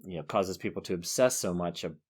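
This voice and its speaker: A man's voice: deep voice, a little fast, a crowd in the background. Chatty laughing man co-hosting a podcast. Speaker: podcast co-host. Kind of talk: casual chat.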